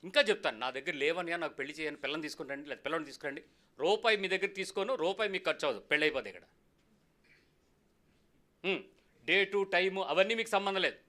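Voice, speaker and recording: A man preaching a sermon as pastor in a church, rapid and animated, firing questions at the congregation. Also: fairly high pitch.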